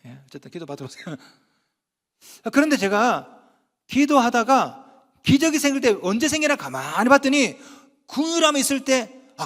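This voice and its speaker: A middle-aged male pastor preaching a sermon in a folksy, conversational way, with rhetorical questions to the congregation. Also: high voice. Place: church sanctuary. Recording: long hall reverb.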